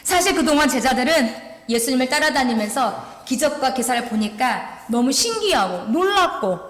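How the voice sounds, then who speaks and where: Brief: high-pitched woman preacher, earnest and pleading, long church reverb. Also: sing-song, normal speed, a bit bright. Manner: emotional, pleading, earnest, with rising and falling intensity. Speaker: evangelist preaching. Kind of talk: sermon. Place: church sanctuary.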